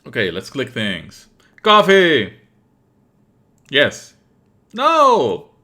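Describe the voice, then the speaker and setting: A male game streamer delivers live let's play commentary, expressive, sardonic and exasperated, with casual swearing. His voice sits in the mid range and he speaks very slowly.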